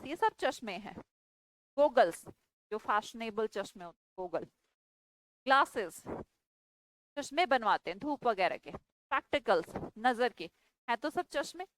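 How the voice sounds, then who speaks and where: A woman's voice: fairly high pitch, dry recording, poor audio. A woman teaching an English grammar class, firmly questioning and scolding students. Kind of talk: online class lecture.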